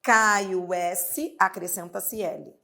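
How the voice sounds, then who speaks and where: A woman's voice: medium pitch, steady tone, takes it slowly, gravelly, pushed and bright. A woman with a Brazilian Portuguese accent teaching grammar in an online exam-prep lesson, stretching out her examples and asking rhetorical questions.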